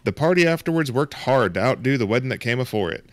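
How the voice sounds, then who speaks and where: A man's voice: medium pitch, animated, quick pace, no room sound, pitched above the performer's own voice, natural voice. A man putting on a folksy Southern storyteller. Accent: put-on American Southern. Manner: drawling, declaiming read-aloud narration. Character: folksy male mountain-country storyteller.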